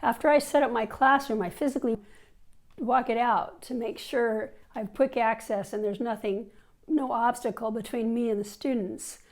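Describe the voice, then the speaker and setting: A language teacher in her 50s with a cold speaks at normal speed in a fairly high, steady voice through a lapel mic during an online teacher workshop. She's chatty, using fillers and restarts, and sits indoors in an office chair in front of a plain wall.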